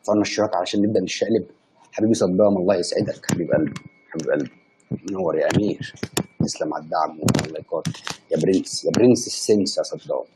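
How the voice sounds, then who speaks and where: An Egyptian man in his late twenties chatting live with viewers and reading their comments, excitable and quick to burst into indignant protest. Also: sits low, a little hiss or hum, low-quality recording. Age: late 20s. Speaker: live streamer.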